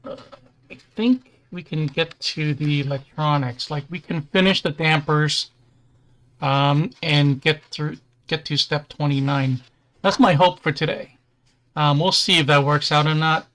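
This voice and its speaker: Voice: mid-range voice, fairly even intonation, measured pace, fairly bright tone. A host chatting casually on a livestream while building a model kit, easygoing, with dry self-deprecating humor.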